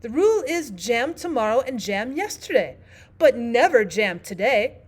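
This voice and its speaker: Casting: a woman as a dotty old storybook queen, high-pitched, loud and bossy, with big melodic swoops. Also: sing-song, moderate pace. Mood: firm. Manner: loud, emphatic, exclamatory, bossy yet scatterbrained.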